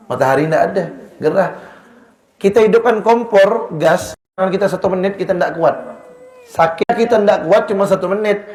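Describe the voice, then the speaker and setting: Animated preacher in an echoey hall. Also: male voice. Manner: animated, shifts between loud emphasis and hushed low lines. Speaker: religious teacher. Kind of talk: Islamic study sermon. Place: Islamic boarding school hall.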